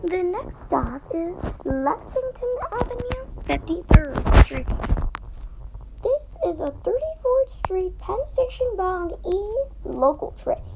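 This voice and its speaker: A woman's voice: extremely high pitch, very animated, a little slow, hardly any pauses. A woman with an American accent reading formal, scripted subway announcements over the train intercom. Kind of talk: scripted automated transit announcement. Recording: noisy subway car intercom recording.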